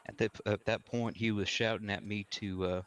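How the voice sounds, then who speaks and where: A man playing an armed frontier woodsman giving careful, formally worded, halting testimony in a courtroom role-play. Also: on the low side, little pitch movement, fairly bright tone, clean tone. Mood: measured, careful.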